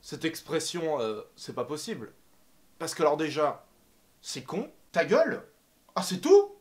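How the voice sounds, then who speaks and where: A young man doing a comic rant to camera, animated and exaggerated, swearing and laughing often. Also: on the high side, measured pace. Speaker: comedy vlogger. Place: apartment.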